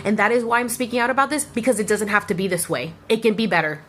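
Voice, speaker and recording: A woman's voice: mid-range voice, quick pace, fairly bright tone. A woman in her thirties, a longtime server, ranting angrily and profanely about her work in a vlog. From Florida. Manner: heated, profane, sarcastic rant. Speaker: former restaurant server and content creator. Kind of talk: angry rant vlog.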